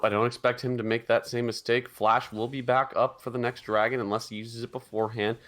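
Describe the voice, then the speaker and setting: A man casting live esports play-by-play, his voice leaping up in big fights. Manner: excitable, pitch jumps high in big fights. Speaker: esports caster. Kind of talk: play-by-play commentary.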